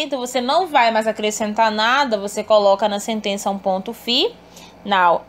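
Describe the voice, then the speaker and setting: In a recorded online lesson, a woman teacher patiently explains the material to her pupils, addressing them with affectionate names. Her voice is fairly high and a bit bright.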